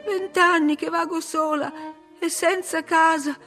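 A woman reading an audiobook, voicing a lost ghost girl who pleads in a slow, trembling wail. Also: extremely high pitch, steady tone, fairly bright tone, soft background music, pitched above the performer's own voice, full character voice. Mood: mournful pleading. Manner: trembling, drawn-out wailing plea.

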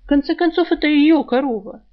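A woman reading a fantasy novel aloud as an audiobook narrator, in steady storytelling. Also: sits high, brisk, lo-fi sound. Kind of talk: scripted narration.

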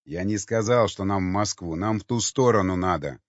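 A man playing a gruff sarcastic leader. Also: low-pitched, normal speed, no room sound. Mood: exasperated. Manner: blunt, sarcastic, exasperated. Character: gruff weary male expedition leader. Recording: dull lo-fi dry recording.

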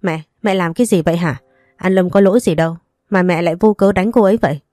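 A woman's voice: on the low side, quick pace, dark tone, no room sound, studio quality, soft background music, natural voice. A woman reading the lines of a protective young man in a storybook reading, in a soothing way. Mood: indignant. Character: distressed young man comforting his girlfriend.

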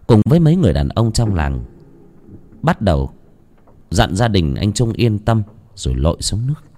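A man narrating a horror story in a dramatic, expressive way. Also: lowish voice, normal speed, slight background noise.

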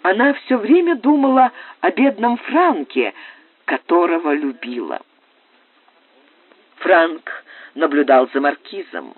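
A man narrating an audiobook in a measured, expressive reading. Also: a little high, slightly rough, dry recording. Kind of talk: scripted narration. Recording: dry, phone-like narrow sound.

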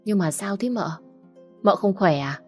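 A woman's voice: medium pitch, expressive, a little slow, darkish tone, faint music behind, pitched above the performer's own voice. A woman voicing a young house maid who speaks up bluntly and chattily. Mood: eager. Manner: chatty, outspoken.

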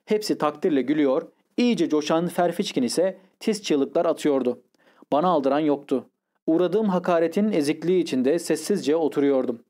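A man reading a literary audiobook in a measured, expressive way. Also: on the high side. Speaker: audiobook narrator.

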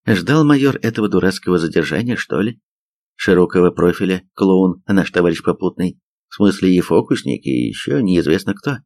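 A man narrating an audiobook in an expressive reading manner. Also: deep voice, normal speed, no echo. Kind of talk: scripted narration.

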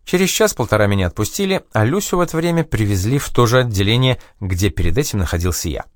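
A man reading a memoir aloud as an audiobook narrator, in a measured and expressive way. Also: lowish voice, dry recording, studio quality.

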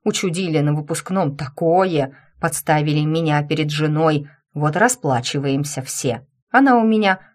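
A woman's voice: low-pitched, moderate pace. A woman reading an audiobook voices a grumpy, self-pitying male cat who used to be a university rector, grumbling and irritable.

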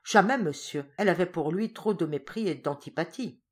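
A woman's voice: lowish voice, animated, normal speed, husky. A woman reading an audiobook voices a formal male notary who is polite but insistent. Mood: firm.

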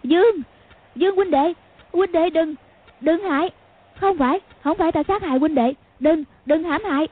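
A woman's voice: very high-pitched, moderate pace, pitched above the performer's own voice. A shrieking, terrified young woman. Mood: pleading terror. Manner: stammering, repeating words in panic. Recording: phone-like lo-fi sound.

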